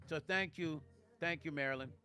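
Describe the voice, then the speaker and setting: A man's voice: on the high side, moderate pace, bright, forceful tone. An older man hosting a casual livestream, talking emotionally and rambling to viewers on a close studio mic. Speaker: vlog host.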